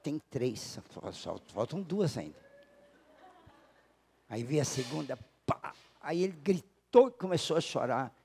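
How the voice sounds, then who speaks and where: A man with a Brazilian accent giving a spiritual lecture, telling a personal story, acting out the dialogue and slowing down to stress key words. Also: a little high, sing-song, gravelly, slight background noise. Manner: storytelling, acting out dialogue with big shifts in loudness. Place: lecture hall at a spiritist center.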